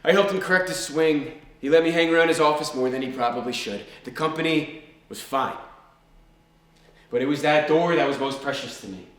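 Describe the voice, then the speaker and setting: A man performs a one-man stage monologue in a slightly high voice. He tells his story dramatically, with a dry, wry humour. The sound is heavily echoing and picked up some way from the microphone. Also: a little fast, fairly bright tone. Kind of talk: theatrical first-person monologue. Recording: very echoey stage, distant microphone.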